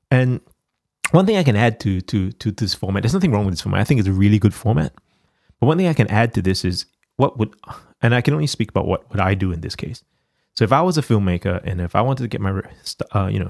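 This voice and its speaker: Low gravelly Singapore-born man. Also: darkish tone, dry recording, studio quality. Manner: rambling, many restarts and fillers. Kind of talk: casual chat.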